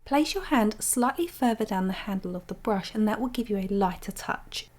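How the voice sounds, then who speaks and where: Slightly croaky woman giving a makeup tutorial. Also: medium pitch, animated, moderate pace, a little mellow. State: under the weather, croaky. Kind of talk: step-by-step makeup tutorial narration.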